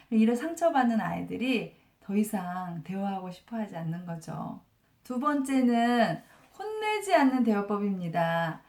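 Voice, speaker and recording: A woman in her forties talks through a parenting book in a calm, explaining manner, as an elementary school teacher would. Her voice sits at a middle pitch, and the room around her gives it a noticeable echo. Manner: calm, explanatory, uses many soft fillers. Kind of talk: explanatory book review talk. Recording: roomy echo.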